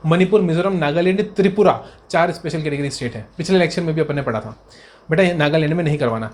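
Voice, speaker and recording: A man tutoring accountancy students in a brisk revision lecture. He repeats key points and answers his own questions in a student's voice. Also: a little high, darkish tone. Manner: fond, coaxing tone toward students.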